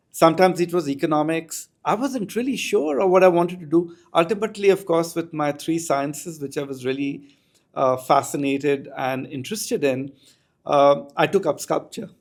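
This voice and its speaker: A school educator appears as a podcast guest, a middle-aged man with an Indian accent. His voice is slightly high and his pace normal as he articulately and reflectively tells personal anecdotes.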